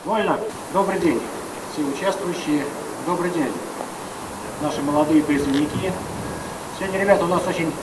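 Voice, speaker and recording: A man delivers a formal address to young recruits in measured, broken phrases. His voice is fairly high and heard from some distance, echoing over clear background noise. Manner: measured short phrases with pauses. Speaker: official addressing conscripts. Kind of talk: formal opening speech to a formation. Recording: echoey, distant, noisy recording.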